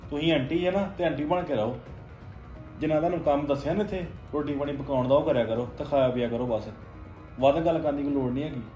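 A young man acting as a bitter stepson, curt and cold, who rattles his words off fast at a mid pitch. The room is echoey with soft music underneath. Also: close to an everyday voice. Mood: cold, resentful. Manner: blunt, curt and dismissive. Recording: roomy room with faint music.

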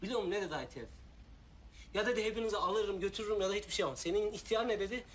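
An actor playing a volatile, furious sailor on a stranded ship, ranting and shouting threats. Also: male voice, sits high, racing, natural voice. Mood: raging rant. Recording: noisy background.

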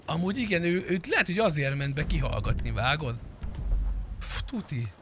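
Slang and swearing fill the casual live commentary of a game streamer playing a roleplay game as he addresses his viewers and friends. His voice is a little high, sing-song and a bit bright, and there's clearly noise in the background.

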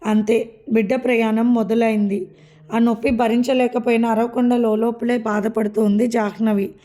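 A woman narrating a family story as a storybook reader, steady and measured. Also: on the high side.

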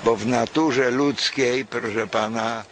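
A man's voice: mid-range voice, fairly even intonation, slow pace. An old man in his seventies with a Polish accent, giving a coarse, repetitive, cantankerous rant in a street interview. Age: 70s. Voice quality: old man's voice. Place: outdoors on a busy city street. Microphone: handheld interview microphone. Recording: noisy outdoor street recording.

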